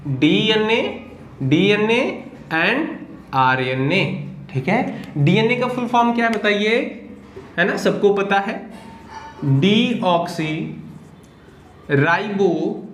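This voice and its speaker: A man teaching biology to students, asking the class questions and answering them himself, and spelling out key terms slowly word by word. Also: high-pitched, a bit bright. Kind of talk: Hindi classroom lecture. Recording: echoey room with faint noise.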